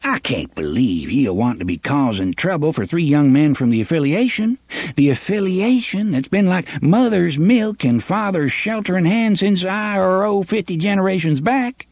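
A man's voice: high-pitched, expressive, moderate pace, darkish tone, no echo, studio quality, voice pushed up. A man voicing a pudgy, blustering small-town sheriff who coaxes in a rustic drawl. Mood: coaxing. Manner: wheedling, rustic dialect.

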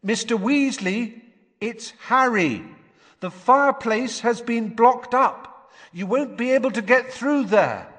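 A man's voice: high voice, very animated, measured pace, a bit bright, no room sound, pitched above the performer's own voice, full character voice. A man voicing an earnest, polite teenage boy calling out urgently in an audiobook. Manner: urgent, explaining.

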